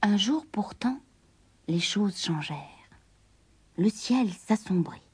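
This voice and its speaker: A woman reading a children's story aloud in an expressive way, often dropping to a whisper. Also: medium pitch, takes it slowly, slightly rough.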